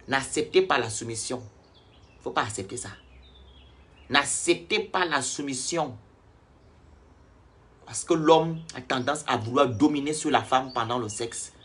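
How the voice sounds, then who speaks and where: A man with a deeply husky, breathy voice lectures his audience in a social-media rant. He is blunt and preachy, addressing viewers head-on as a vlog commentator. His pitch sits at an average level for a man. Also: bright, forceful tone. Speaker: online commentator.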